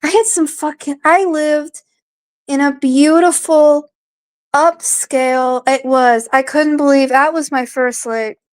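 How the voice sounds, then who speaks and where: A woman hosting a relaxed live stream talks straight to her viewers in a chatty, meandering way, dropping curses and filler words freely. Her voice sits somewhat high for a woman. She reacts to comments as she reads them. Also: slow. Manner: rambling, profane, filler-heavy. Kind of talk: casual live-stream chat.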